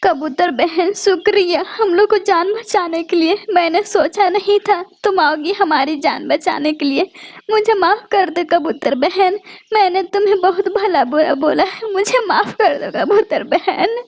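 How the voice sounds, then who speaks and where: A woman's voice: very high-pitched, a little slow, pitched above the performer's own voice. A woman voicing a poor, anxious mother sparrow in a cartoon, emotional and pleading. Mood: grateful. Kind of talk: Hindi cartoon voice acting.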